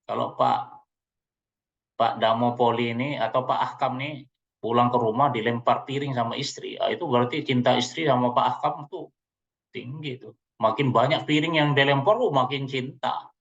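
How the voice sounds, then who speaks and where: A male trainer gives a playful seminar talk, teasing his listeners and calling on them directly. His voice sits at a middling pitch. The recording is dull and lo-fi, as if from a seminar room. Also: normal speed. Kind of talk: joking seminar talk to an audience.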